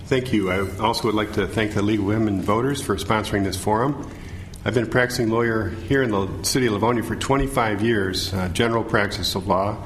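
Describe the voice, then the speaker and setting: A middle-aged American man giving formal answers as a forum candidate, halting and stumbling over words. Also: on the low side. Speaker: judicial candidate, city attorney. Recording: faint background noise.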